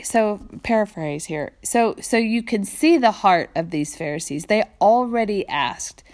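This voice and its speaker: A woman informally explaining a Bible passage, talking conversationally and paraphrasing the verses, recorded on a phone. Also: mid-range voice. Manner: conversational, paraphrasing, animated when quoting. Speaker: Bible teacher.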